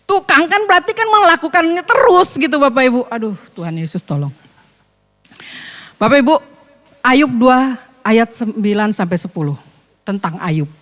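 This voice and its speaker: A woman pastor preaching a sermon in a lively, joking, colloquial way. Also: on the high side, moderate pace, pauses often, in a large hall.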